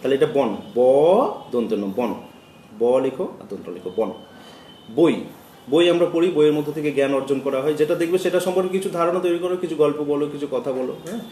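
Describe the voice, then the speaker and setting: Male teacher, chanting letter drills for small children. Mellow tone, recorded from across a room with faint background noise. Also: on the high side. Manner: chanting drills, counts aloud slowly. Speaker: primary school teacher. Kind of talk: children's lesson on counting and letters. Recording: echoey room from a distance, faint ambient noise.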